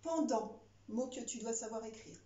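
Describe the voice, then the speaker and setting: Woman slowly dictating, in an echoey room. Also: medium pitch, a little mellow. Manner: dictating word by word, spelling out and pausing; instructive, addressing one pupil directly. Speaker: primary school teacher. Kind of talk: dictation lesson for children. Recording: echoey room, slightly muffled sound.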